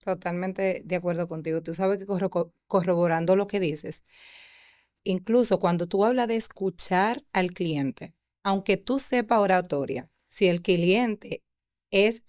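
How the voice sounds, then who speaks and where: A woman's voice: lowish voice, unhurried, darkish tone, no echo, clean studio sound. A woman hosting a podcast, agreeing with her guest and adding her own points in casual conversation. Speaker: podcast host.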